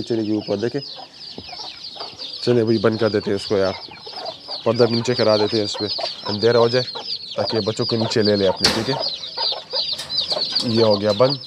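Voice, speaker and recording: A hoarse man chats casually as he shows off his poultry and coaxes the birds along. His voice sits at an ordinary pitch. He is recorded outdoors by the cages, with plenty of clucking and yard noise behind him. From Pakistan. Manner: chatty, talks to the birds, coaxing. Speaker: poultry breeder vlogger. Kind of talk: casual walkthrough vlog. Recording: noisy outdoor recording with chickens. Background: clucking chickens.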